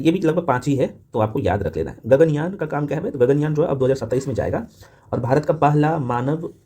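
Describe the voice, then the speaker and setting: A man's voice: medium pitch, warm tone, breathy edge. A man teaching an exam revision class in an informal, matey way, often tossing short check-in questions to his listeners. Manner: rapid-fire delivery peppered with short check-in questions. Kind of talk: fast revision lecture to camera.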